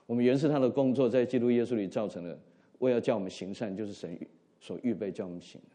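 A middle-aged man delivers a sermon with earnest feeling. His mellow, warm voice swells on key points and falls soft and low between them, now and then slipping an English word into his speech. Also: fast. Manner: earnest, swings between emphatic rises and soft drops, mixes in English words. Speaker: pastor.

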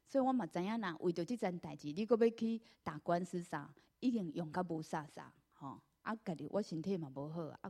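A woman with a Taiwanese accent giving an earnest personal church testimony, telling her story with many drawn-out fillers. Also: on the low side, dark tone.

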